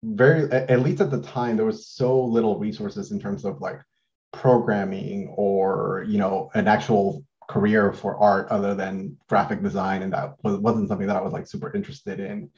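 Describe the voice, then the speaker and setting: The lo-fi audio carries a somewhat low male voice belonging to a Mexican guest artist in his thirties. He chats loosely on a video-call interview, relaxed but stumbling, often using fillers and restarting sentences.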